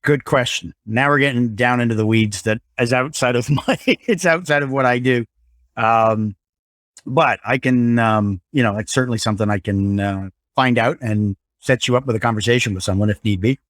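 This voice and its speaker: A man who is a guest on a podcast and explains things in a measured way, using filler words. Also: medium pitch, a bit bright, dry recording, clean studio sound. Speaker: guest, security awareness advocate. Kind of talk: casual interview conversation.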